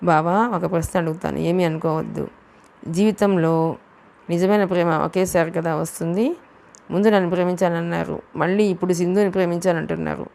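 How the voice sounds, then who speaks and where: A woman's voice: fairly low pitch, fairly even intonation, a little fast, creaky, darkish tone. A woman voicing a shy, childlike young woman in an audiobook novel, speaking meekly and pleading. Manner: meek, pleading.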